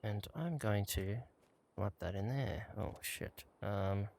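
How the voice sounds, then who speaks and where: A man who hosts a gaming channel gives relaxed, casual commentary while playing, talking himself through the game. His voice is lowish, slow, creaky and somewhat dark, and he sometimes sounds out of breath.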